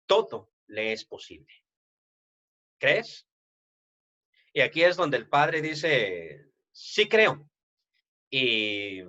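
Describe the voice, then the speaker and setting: A man's voice: mid-range voice, bright, forceful tone, lo-fi sound. A man preaching a sermon in a conversational way, with frequent tag questions and restarts, and a Latin American Spanish accent.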